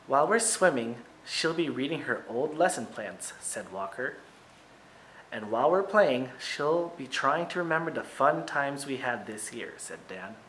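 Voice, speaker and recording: A male teacher reads a picture book aloud to children with expressive, emphatic phrasing, tossing in short asides to his listeners. His mid-range voice moves a little slowly, and the low-quality recording carries some hiss or hum.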